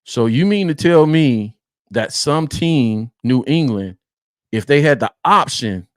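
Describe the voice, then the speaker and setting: A man's voice: medium pitch, lively intonation, takes it slowly, no room sound, clean studio sound. A man from the Atlanta area hosting a sports show, talking casually and rhetorically and repeating himself for emphasis.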